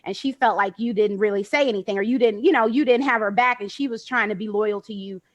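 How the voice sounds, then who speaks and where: A woman on a casual group call, calmly explaining another person's side in a measured way. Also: medium pitch, highs cut off.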